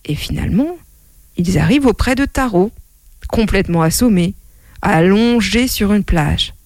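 A woman reading a children's tale aloud as a storyteller, in an expressive, drawn-out way. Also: mid-range voice, no room sound.

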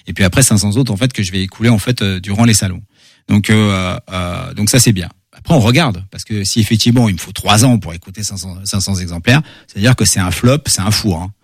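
A man's voice: fairly low pitch, quick pace, husky, no room sound, studio quality. A man, a comic book author, chatting casually in an interview with lots of fillers and repeated words.

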